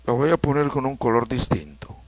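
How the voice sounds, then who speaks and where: A man from Mexico teaching an English grammar lesson, explaining slowly and repeating key points. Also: mid-range voice, very animated, no echo.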